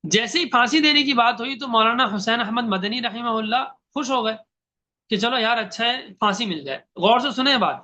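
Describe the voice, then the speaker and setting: A man's voice: extremely high pitch, bright, forceful tone, a little hiss or hum. A young man teaching a Quran commentary class, telling a story earnestly and putting questions to his students. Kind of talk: religious class lecture, storytelling.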